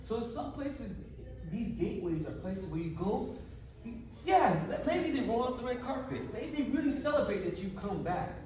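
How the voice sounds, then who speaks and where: A man from the United States giving an animated, conversational conference talk full of rhetorical questions. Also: extremely high pitch, normal speed, a little hiss or hum. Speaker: conference speaker. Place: conference hall. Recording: echoey room, from far off.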